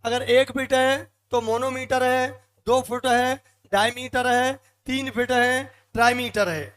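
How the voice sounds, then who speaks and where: A male literature teacher lecturing slowly in Hindi. He keeps quizzing the class and answering himself, counting feet out one by one. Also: very high voice, level tone, a bit bright.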